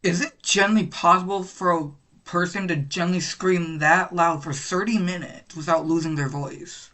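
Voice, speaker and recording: A man's voice: high-pitched, fairly even intonation, normal speed, bright, forceful tone. Laid-back man chatting in a reaction video. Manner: laid-back, slangy remarks. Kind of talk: casual reaction chat.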